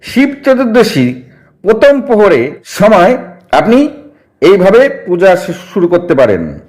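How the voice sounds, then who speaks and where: Slow, lively-pitched man teaching ritual. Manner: slow and deliberate, reciting mantras even more slowly. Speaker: religious instructor. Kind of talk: spoken ritual instruction with chanted mantras.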